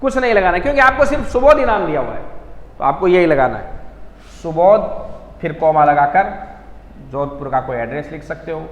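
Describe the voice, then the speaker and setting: A man teaching an English lesson, explaining slowly and repeating key points for emphasis. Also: on the high side, expressive, reverberant, big-room sound, low-quality recording. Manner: slow, repetitive explaining with frequent emphasis. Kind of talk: classroom lesson.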